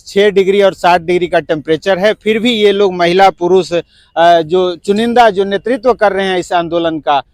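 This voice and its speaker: A man reporting live from an outdoor protest ground, speaking haltingly with many fillers. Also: high-pitched, no echo. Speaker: field reporter.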